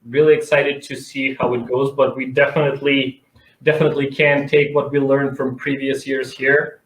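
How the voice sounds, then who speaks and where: A man's voice: medium pitch, little pitch movement, normal speed. A man from North Macedonia, speaking conversationally as an expert guest in an interview. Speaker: interview guest, advertising director. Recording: echoey room sound.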